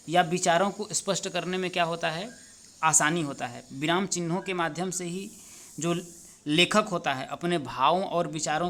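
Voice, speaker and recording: A man with a slightly high voice takes students through exam answers in a teaching tone. He poses a question and answers it himself, again and again. He calls his viewers friends and repeats words as he finds his phrasing. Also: pushed and bright, a little hiss or hum. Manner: explains step by step, often asks and answers his own questions. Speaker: exam tutor. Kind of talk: exam paper walkthrough lesson.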